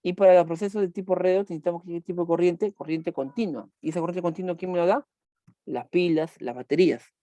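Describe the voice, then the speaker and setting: A man's voice: high-pitched, fast, warm tone, no echo. A man teaching a chemistry class online, repeating key points and asking students questions as he goes.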